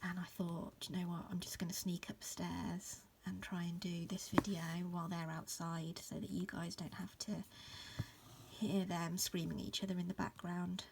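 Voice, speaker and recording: Recording from an upstairs room at home, this embroidery teacher in her thirties sounds croaky with hay fever as she runs a casual stitch-along tutorial. Her gravelly voice is on the low side at normal speed, relaxed and rambling with plenty of ums and restarts, over a faint hiss.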